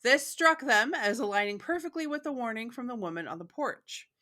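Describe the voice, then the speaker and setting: A woman from Michigan hosting a podcast in casual chat, talkative and quick to laugh, with plenty of fillers. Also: fairly high pitch, expressive, pushed and bright. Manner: chatty, laughs often, many fillers. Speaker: podcast host.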